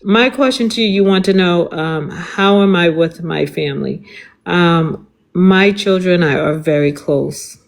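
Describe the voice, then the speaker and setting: A woman's voice: fairly low pitch, a little slow, vocal fry. A woman bantering casually and flirtatiously on a panel show, teasing and asking pointed questions. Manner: teasing, inquisitive.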